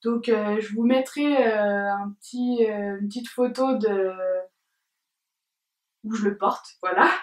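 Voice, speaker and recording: A young woman chatting casually in a beauty tag video, hesitant with many fillers and giggles, filmed at home by a camera at some distance. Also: a little high. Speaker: beauty vlogger. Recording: roomy sound from a distance.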